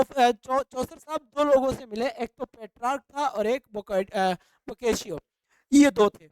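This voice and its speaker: A woman teaches an exam-prep literature lesson, repeating each key point and quizzing her listeners as she goes. Her voice is high and smooth. It is recorded close and dry, with no room sound. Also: a little mellow, dry recording, poor audio.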